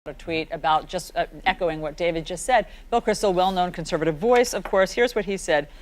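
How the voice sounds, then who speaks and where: A woman anchoring a TV news discussion who sounds moved and halting. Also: lowish voice.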